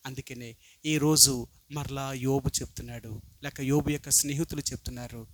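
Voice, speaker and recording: A male pastor preaching a sermon in a prayer house, swinging from low, quiet explanation to loud, impassioned pleading. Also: steady tone, moderate pace.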